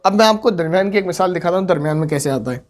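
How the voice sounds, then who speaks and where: A man gives a patient, step-by-step lesson on the Urdu script. He sounds out each word slowly and repeats it while writing, and his voice sits a little high for a man. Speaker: Urdu teacher.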